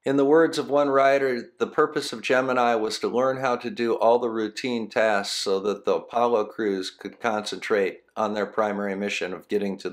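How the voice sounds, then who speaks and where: A man hosting a science video with explanatory, scripted documentary narration. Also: medium pitch.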